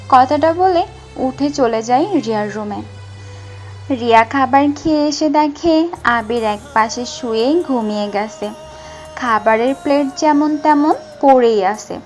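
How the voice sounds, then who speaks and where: A woman's voice: high voice, a little slow. A woman narrator reading a scripted romantic story with music behind her.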